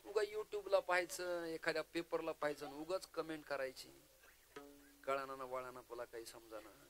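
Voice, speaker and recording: A man preaching a devotional kirtan sermon, lively and humorous, quizzing his audience. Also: a little high, normal speed, faint music behind.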